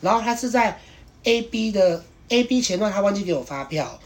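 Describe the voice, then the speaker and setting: Rich: A quick, fairly high-voiced man, telling a work story in a rambling, animated way. He hurries through the account, restarting phrases and circling back over the details as he goes. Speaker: podcast host. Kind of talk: casual storytelling chat.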